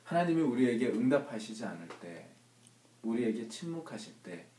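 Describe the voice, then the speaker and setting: Male Bible study leader with an emphatic, questioning delivery and a warm timbre, recorded in a roomy space with faint noise. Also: medium pitch, very animated, normal speed, far from the mic. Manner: emphatic, asks the group rhetorical questions. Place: church room.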